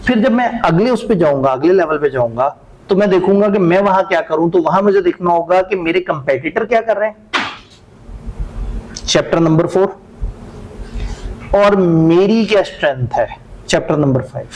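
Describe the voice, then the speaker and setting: A man's voice: high-pitched, expressive, a little fast, darkish tone, poor audio. A man teaches a business class in a slightly raised voice. He keeps it conversational, throwing out questions and answering them himself. Faint background noise sits under the lecture.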